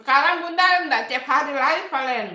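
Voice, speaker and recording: A woman chatting casually on a live stream, reading viewer comments aloud and gently coaxing them. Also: high voice, normal speed, roomy sound. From Indonesia. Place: home kitchen.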